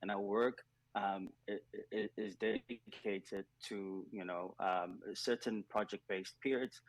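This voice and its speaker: A man from South Africa who leads a nonprofit program, talking in a radio interview in an earnest, measured way, with many ums and uhs. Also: on the low side, fairly even intonation, no echo, low-quality recording. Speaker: nonprofit digital skills program leader.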